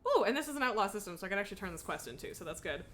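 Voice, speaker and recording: Here a game streamer and host races through casual livestream chatter in a sing-song, fairly bright voice of medium pitch. She thinks aloud, leaps between ideas and jokes at her own expense, keeping it all informal.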